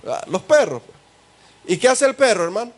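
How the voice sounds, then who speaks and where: A man's voice: high-pitched, sing-song, moderate pace. A man with a Salvadoran accent preaching a sermon as pastor, talking conversationally and asking the congregation rhetorical questions. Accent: Salvadoran Spanish. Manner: conversational, asks the congregation rhetorical questions and calls them brother.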